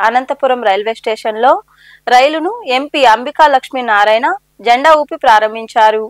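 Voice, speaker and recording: A woman news anchor with a Telugu accent, reading a scripted bulletin in a brisk, formal manner. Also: a little high, dry recording, clean studio sound.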